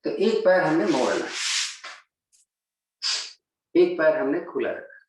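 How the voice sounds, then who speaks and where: A man's voice: on the high side, expressive, moderate pace, darkish tone. A man teaching a yoga class, talking students through each pose step by step. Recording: very echoey room, mic at a distance.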